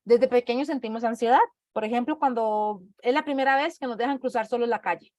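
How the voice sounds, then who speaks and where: A woman's voice: on the high side, fairly quick, darkish tone, dry recording. A woman giving an online talk, explaining things conversationally and acting out inner voices, often checking in with her listeners. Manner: conversational, acts out inner voices, tags with ¿verdad?. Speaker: speaker giving a talk on anxiety.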